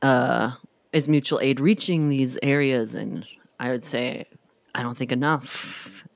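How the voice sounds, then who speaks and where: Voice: medium pitch, unhurried, vocal fry, no room sound. A podcast co-host in casual political chat, meandering and hedging with many fillers.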